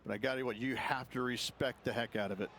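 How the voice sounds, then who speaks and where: A man's voice: medium pitch, fairly even intonation, very fast, gravelly, noisy background. A man doing golf commentary as the analyst in a video game, with folksy, emphatic phrasing.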